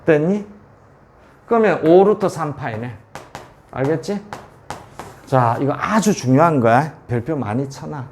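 A man teaches a calculus lesson at an unhurried pace, his voice sitting a bit high. He repeats each value and keeps checking that students follow. A faint hiss of ambience sits under the recording. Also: animated, darkish tone. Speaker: math tutor.

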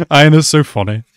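Sitting in a small room at home with a headset mic, a young man reacts casually to an anime episode. His voice is a little high and the recording is dry. He chats away, swears a lot and refers to the characters as bro.

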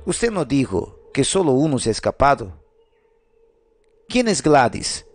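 A man voicing a stern police officer who questions slowly and firmly. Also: medium pitch, sing-song, pitched below the performer's own voice. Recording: music playing underneath.

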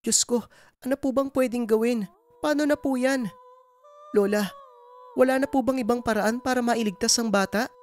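A man's voice: extremely high pitch, normal speed, long pauses, pitched above the performer's own voice. A man putting on a worried village mother. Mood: pleading. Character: worried, gentle middle-aged village mother.

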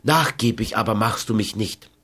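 A man's voice: on the low side, moderate pace, a bit bright, slightly rough. A man reading an audiobook, voicing a proud, defiant young woman who speaks coldly and will not yield. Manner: cold, resolute, unyielding. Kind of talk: audiobook character voice.

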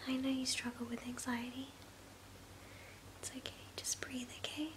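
A woman's voice: high voice, little pitch movement, moderate pace. A woman in her twenties in a whispered role-play as a sleepy, affectionate girlfriend, soothing and intimate, speaking close to the mic. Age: 20s. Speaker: ASMR performer. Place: small bedroom, indoors. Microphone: close to the mouth. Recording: clear background hiss and ambience.

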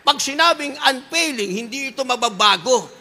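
A woman's voice: high-pitched, lively intonation, moderate pace, pushed and bright, long reverb tail. A woman preacher giving an impassioned sermon, fervent and repetitive, slipping between languages. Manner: fervent, repeats "beloved" refrain, switches into English.

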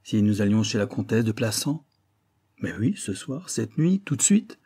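A man's voice: lowish voice, very animated, moderate pace, warm tone, breathy edge, full character voice. Man doing a teasing, ironic police inspector. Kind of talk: audiobook character reading.

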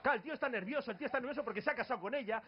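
A man's voice: very high-pitched, racing, highs cut off, a crowd in the background, background noise. A man with a Spanish accent doing a stand-up comedy routine on a club stage, jokey and punchy. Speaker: comedy duo host.

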